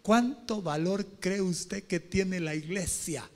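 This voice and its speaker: A man preaching a sermon as pastor, moving from low talk to shouted pleas and calling on the congregation with questions. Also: slow pace. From Honduras.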